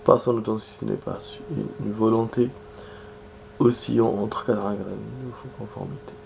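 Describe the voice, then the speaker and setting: Playing a game on stream, a man with a cold casually voices the in-game text and chats between lines. The gravelly, flat, low delivery comes at a normal pace with muttered asides, throat-clearing, and slight background noise.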